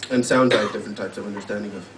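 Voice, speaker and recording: A man introducing his poem at a live reading, halting and searching for words as he explains it. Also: fairly low pitch, fairly even intonation. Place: live literary event hall. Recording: roomy, distant live mic with faint hum.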